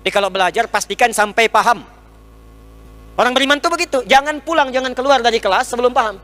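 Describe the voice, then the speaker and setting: A man's voice: very high voice, quick pace, pushed and bright. A man preaching a humorous sermon to an audience, teaching with everyday examples and jokes, speaking into a microphone. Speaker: Islamic preacher. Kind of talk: humorous sermon lecture with questions and answers.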